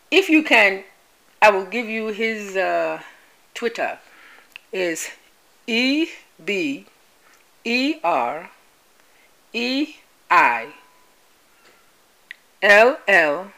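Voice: mid-range voice, pushed and bright, rough recording. A vlogger giving casual news commentary, repeating points and spelling out names like a teacher, with frequent laughs. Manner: laughs often.

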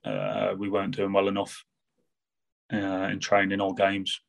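A former footballer with an English Midlands accent, talking in a casual podcast interview with halting, restarting sentences. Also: male voice, sits low, monotone, creaky, rough recording. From England. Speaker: football manager and former player.

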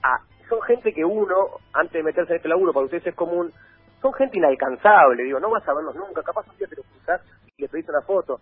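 A man with an Argentine Spanish accent and a fairly high, animated, breathy voice talks fast as a guest in a casual chat, spinning long, rambling stories full of restarts. The recording is dry with no echo and sounds like a phone.

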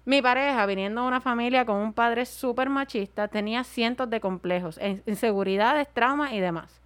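A woman co-hosts a relaxed podcast. She reads listener letters aloud and slips into animated impressions of the people she describes. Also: fairly high pitch, fairly quick. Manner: animated, acts out quoted voices. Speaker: podcast co-host. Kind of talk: casual podcast chat, reading listener messages.

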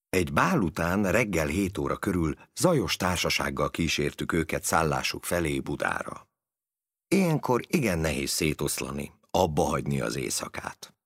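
A man with a very low, gravelly voice reads a literary passage in an unhurried storytelling manner, as a podcast host. The sound is dry and close, with no room behind him. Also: dry recording. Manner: measured, storytelling delivery. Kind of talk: reading literary prose aloud.

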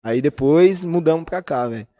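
A man's voice: fairly high pitch, normal speed, dark tone, no room sound. A young man from the São Paulo region, chatting on a podcast in slangy street talk. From São Paulo region, Brazil. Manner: slangy, fills with "mano" and "velho". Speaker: podcast guest, musician. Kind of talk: casual chat.

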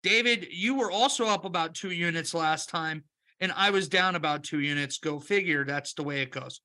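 A man co-hosting a casual sports podcast, talking through playoff scenarios and betting picks in a quick, wry way. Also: a little high, bright, forceful tone. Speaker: podcast co-host, picks analyst.

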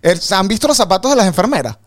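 A man's voice: high voice, sing-song, fast, a crowd in the background. A man, telling funny stories in casual chat as a co-host. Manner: joking storyteller.

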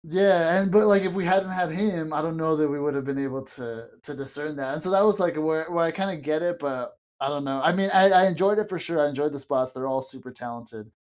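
A podcast co-host with a mid-range, slightly mellow voice talks a little fast with hardly any pauses, recording from a small closet. It's a casual wrestling show review, loose and rambling, full of fillers and laughter.

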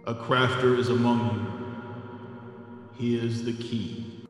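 A man voicing an ancient clay golem in a fantasy tabletop game, speaking slowly and solemnly. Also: medium pitch, fairly even intonation, heavy reverb, long reverb tail, faint music behind, natural voice.

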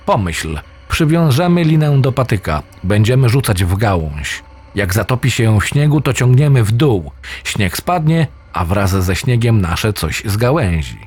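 A man's voice: fairly low pitch, very animated, unhurried, a little mellow, husky, heavily acted. A man voicing a pushy, foul-mouthed young man in a spoken horror story. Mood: eager. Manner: swearing, pushy, sure of himself. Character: brash crude young man, bossy friend.

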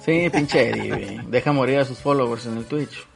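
A Mexican man hosts loose banter among friends in a creaky, mid-pitched voice. He talks like a frat bro, slangy, profane and teasing, with music playing behind him. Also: normal speed. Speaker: host of a group chat show.

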